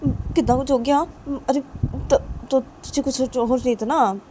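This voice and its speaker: A raised, jittery voice that rambles on and admits to being scared, as a woman storyteller puts on the friend. The tone is soft and mellow. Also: high-pitched, normal speed, slight background noise, voice pushed up, close to an everyday voice. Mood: nervous. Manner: anxious, rambling, teasing. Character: nervous, timid friend named Ravi.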